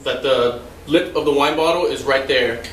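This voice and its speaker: At a moderate pace and medium pitch, a young man teaches wine service, explaining steadily and drifting into loose asides now and then. He's in a home dining room acting as a restaurant server trainer, and the faraway camera, with no mic in view, yields a roomy echo and a bit of hiss or hum.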